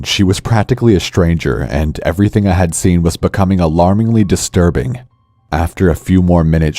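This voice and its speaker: A man narrating a scripted horror story in a calm, measured way. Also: deep voice, dry recording, clean studio sound. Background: faint music.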